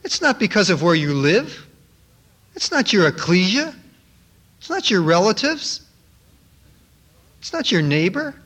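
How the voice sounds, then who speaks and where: A man's voice: high-pitched, very animated, unhurried, pauses often, fairly bright tone. A man preaching a sermon to a congregation, with an emphatic delivery that repeats key words for effect. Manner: emphatic, repetitive rhetorical delivery.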